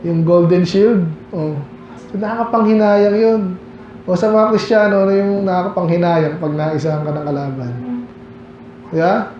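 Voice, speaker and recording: Filipino guy preaching, fairly high voice, chatty, lots of questions, muffled echoey church hall. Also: steady tone, moderate pace, slight background noise. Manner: conversational preaching with rhetorical questions, reads King James verses aloud. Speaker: pastor. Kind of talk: Baptist sermon, Bible study.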